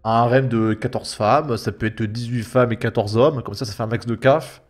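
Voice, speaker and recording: A young male YouTube commentator with a mid-range, steady voice at normal speed delivers casual, mocking reaction commentary. He sounds slangy, sarcastic and exasperated, with background music playing behind him.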